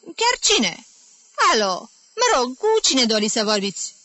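Squeaky eager young woman in an audiobook, voiced by a woman reader, very high and loud, dry close sound. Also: very animated, dry recording. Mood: puzzled. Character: excitable young woman on the phone. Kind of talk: audiobook reading.

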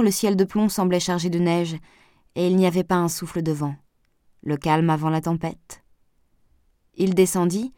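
A woman reading a novel aloud as an audiobook narrator, with an even, measured delivery. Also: fairly low pitch, no echo, clean studio sound. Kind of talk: scripted narration.

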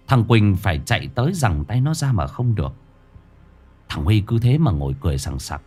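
A man's voice: medium pitch, darkish tone. A man narrating a ghost story expressively.

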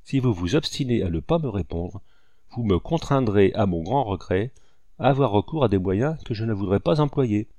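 A man's voice: lowish voice, lively intonation, moderate pace, warm tone, no echo, lightly acted. A man voicing a tough male hunter who talks in a mocking, teasing way.

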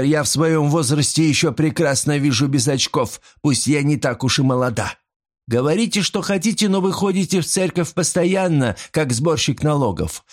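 A loyal, outspoken old servant woman from a storybook reading, sharp-tongued and forever calling on God, as a man acts her out. She talks up high and bright, with lots of movement in her voice. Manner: bold, pious exclamations. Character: old outspoken female housemaid, pious and loyal.

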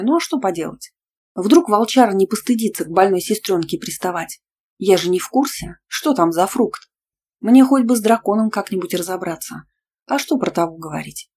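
Lively woman reading an audiobook. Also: mid-range voice, a little hiss or hum. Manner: lively, sarcastic, emphatic. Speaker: audiobook reader. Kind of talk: first-person audiobook narration.

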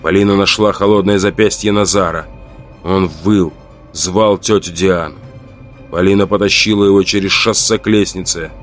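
A man narrates a horror audiobook in a low voice with measured, dramatic pacing. Faint music plays underneath his reading. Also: steady tone.

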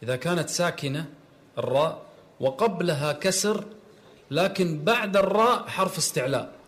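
Male recitation teacher, patient and corrective, slightly high-pitched voice. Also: moderate pace, a bit bright. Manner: patient, repeats words to correct pronunciation. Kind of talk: recitation rules lesson.

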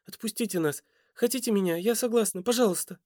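A man voicing a frightened young mother who speaks softly, pleading and tearful. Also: high voice, fast talker, no echo, clean studio sound, pitched above the performer's own voice, close to an everyday voice.

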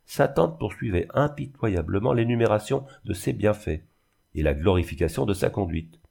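Low, gravelly male narrator. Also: lively intonation, normal speed, a little mellow. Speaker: reader. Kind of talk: scripted narration of a classic novel.

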